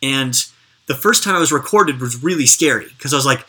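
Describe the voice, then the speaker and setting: A woman's voice: extremely low pitch, expressive, a little fast, fairly bright tone, slightly rough. A woman interviewer chatting casually and encouragingly, explaining things with examples.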